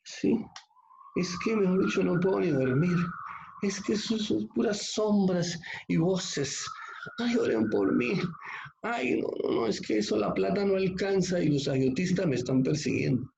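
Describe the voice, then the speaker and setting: A man's voice: high voice, unhurried, creaky, background noise, pitched above the performer's own voice. A man voicing a panicky churchgoer who frantically begs for prayer, whining and wailing. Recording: echoey, slightly muffled room recording.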